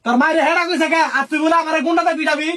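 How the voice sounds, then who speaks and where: A man playing a loud, short-tempered village husband and father, gruff and shouting. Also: extremely high pitch, steady tone, racing. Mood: angry. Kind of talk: comedy skit acting.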